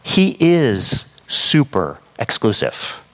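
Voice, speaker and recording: A man preaching a sermon in a conversational, animated way, often checking in with the listeners. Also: medium pitch, very slow.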